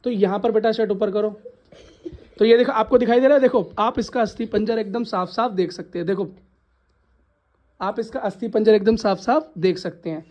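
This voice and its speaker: A woman's voice: mid-range voice, moderate pace, highs cut off. A woman science teacher leading a classroom lesson, asking questions and having the class repeat answers back to her. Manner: repeats questions for the class to echo, calls students "beta"; scolds laughing students. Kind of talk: classroom lesson with call-and-response. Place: classroom with students present.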